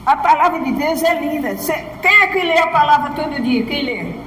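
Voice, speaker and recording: A woman's voice: sits high, normal speed, fairly bright tone, a little hiss or hum. A woman pastor with a Brazilian Portuguese accent, preaching a sermon from the church altar and often prompting her congregation for an "amen". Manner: preaches emphatically, often asking the congregation "Amém?". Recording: echoey church hall.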